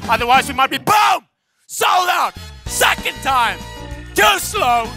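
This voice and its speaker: A man playing a pushy, hyperactive male infomercial pitchman with a thick American accent, shouting his sales pitch. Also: animated, normal speed. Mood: frantic. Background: music.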